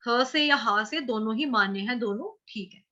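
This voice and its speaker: High, bright-voiced woman teaching chanting slowly. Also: highs cut off. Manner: patient, repeats syllables slowly and chants verse lines. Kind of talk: slow step-by-step pronunciation lesson.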